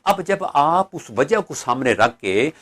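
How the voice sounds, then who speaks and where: A man's voice: a little high, sing-song, slow, a bit bright. A middle-aged man, giving an instructional lecture as a motivational speaker. He asks rhetorical questions and answers them step by step.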